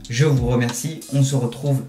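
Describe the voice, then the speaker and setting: A man's voice: mid-range voice, steady tone, normal speed, dark tone. Chatty male host, casual tutorial, mid voice, music underneath. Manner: chatty, jokey, step-by-step explaining. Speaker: video host.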